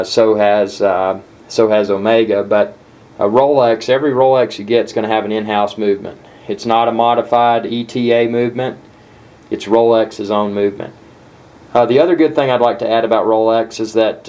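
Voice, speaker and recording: A man giving a casual watch review, talking in a halting way with frequent filler pauses. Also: lowish voice, darkish tone, rough recording.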